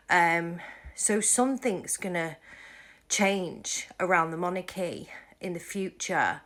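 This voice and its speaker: A woman's voice: on the low side, fairly bright tone. A woman vlogging about her psychic readings in a casual monologue, rambling and hesitant with many ums and restarts.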